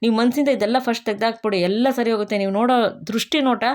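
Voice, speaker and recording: A woman playing a gentle reproachful young wife. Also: a little high, fairly even intonation, very fast, close to an everyday voice. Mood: reproachful pleading. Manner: pleading, reproachful. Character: young heroine, gentle wife turned accuser.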